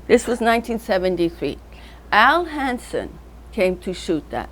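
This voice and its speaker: Unhurried and sing-song, a mid-range voice comes from an older woman artist born in North Africa, with a little hiss or hum in the background. Chatting in a casual interview, she drifts loosely through names and memories and often laughs mid-story.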